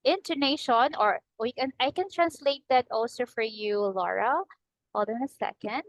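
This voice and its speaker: A woman's voice: a little high, normal speed, no room sound, rough recording. A woman in her twenties from the Philippines, tutoring English in an online lesson, patient and encouraging. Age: 20s. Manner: patient, encouraging, repeats the student's name often. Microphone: video call.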